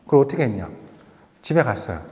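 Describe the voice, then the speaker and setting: A male pastor preaching a sermon, telling a personal story with lively rhetorical questions, then leading a prayer. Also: medium pitch, fast, long reverb tail. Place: church sanctuary.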